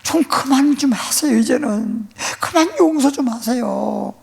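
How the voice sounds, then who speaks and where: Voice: medium pitch, measured pace, vocal fry, darkish tone, pitched above the performer's own voice. A preacher voicing a mother who begs her husband in tears to forgive their son. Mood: begging. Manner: tearful begging.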